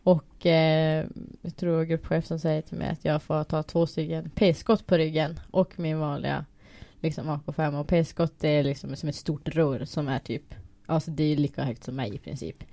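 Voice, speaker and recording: A young woman telling animated stories in casual chat, acting out quoted shouts and laughing often. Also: low-pitched, vocal fry, hardly any pauses, no echo. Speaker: guest.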